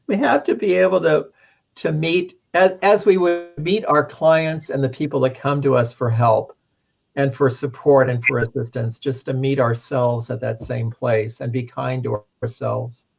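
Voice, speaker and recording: Gravelly man on a dull lo-fi line. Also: mid-range voice, flat delivery, unhurried. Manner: rambling storyteller with frequent restarts and laughs. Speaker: guest, former massage therapist and witch. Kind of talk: casual panel chat. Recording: dull lo-fi sound.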